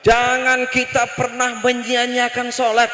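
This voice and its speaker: A male preacher delivers an animated sermon and addresses his listeners directly. His voice sits high. The sound carries a long, roomy hall reverb. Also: measured pace. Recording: echoey hall.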